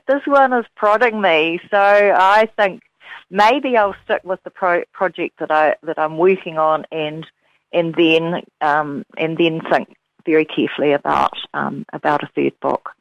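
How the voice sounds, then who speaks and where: A woman's voice: deep voice, measured pace, dry recording. A woman novelist, hesitant and full of fillers, talking about her book in an interview. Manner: hesitant, many fillers and restarts. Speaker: novelist guest. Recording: dull, lo-fi sound.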